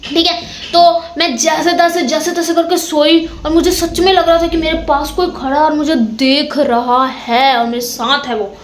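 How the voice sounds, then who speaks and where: A young woman with a very high voice tells a ghost story in a casual, dramatic way. She piles up repeated words to build suspense. Her voice rings in an echoey room. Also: fairly even intonation, normal speed, slight background noise.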